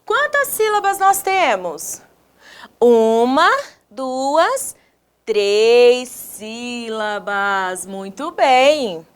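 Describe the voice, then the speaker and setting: A woman with a Brazilian Portuguese accent teaching young children in a recorded video lesson, sounding words out slowly, syllable by syllable, and asking the viewers questions in an encouraging, sing-song teacher voice. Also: sits high, huge pitch swings. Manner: slow, exaggerated syllable-by-syllable pronunciation with questions to the viewers.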